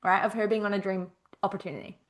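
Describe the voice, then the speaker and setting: A young adult woman hosting a casual solo podcast as a coach, emphatic and expressive, repeating phrases and swearing freely. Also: mid-range voice, fast talker.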